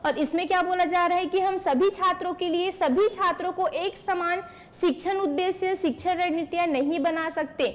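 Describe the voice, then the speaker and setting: A woman's voice: extremely high pitch, steady tone, moderate pace. A woman teacher giving an exam-prep lecture to an online class, explaining by asking questions and answering them herself, and answering students by name.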